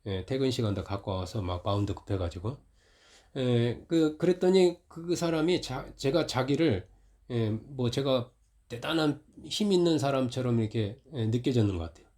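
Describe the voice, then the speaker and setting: A middle-aged man preaches in a church with a conversational, storytelling delivery. His voice sits at an ordinary middle pitch, and he grows louder and more heated when he recounts a confrontation. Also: expressive, moderate pace. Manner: storytelling, rising loud when retelling conflict. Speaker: pastor. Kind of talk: conversational sermon.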